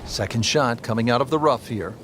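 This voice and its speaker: A man doing golf commentary, calling shots in measured descriptive lines and putting questions to his partner. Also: medium pitch, a bit bright, slight background noise, natural voice. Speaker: golf commentator, play-by-play host.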